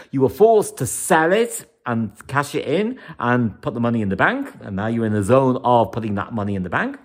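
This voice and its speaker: A man talking through a monthly horoscope in a blunt, animated way, swearing freely and repeating words for emphasis. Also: medium pitch. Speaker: astrologer.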